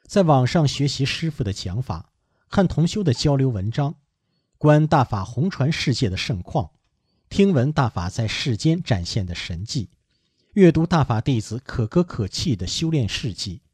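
A man reads a first-person account aloud in an earnest, measured way. His voice is slightly husky, and his pitch rises and falls a lot as he goes. The recording is close and dry, with no room sound. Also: darkish tone, dry recording.

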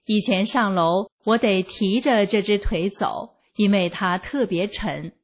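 Slow, breathy woman reading a testimony. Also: medium pitch. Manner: slow, measured, earnest reading. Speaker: reader of a personal testimony. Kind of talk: scripted first-person narration.

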